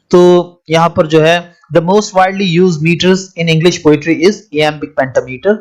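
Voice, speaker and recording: A man teaching a lesson, reading English lines slowly and then explaining them, politely addressing listeners as "janab". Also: fairly high pitch. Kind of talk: lecture on poetry.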